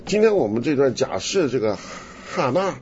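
Man, radio host, animated pitch, teasing, dull lo-fi sound, faint hiss. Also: normal speed. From Henan, China. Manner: lively, teasing, laughs often.

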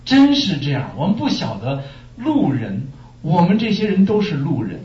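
Pastor, man from China, lively sermon voice, fairly high, heard from afar with dull sound. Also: normal speed. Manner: animated storytelling with rhetorical questions. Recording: echoey room, distant muffled mic.

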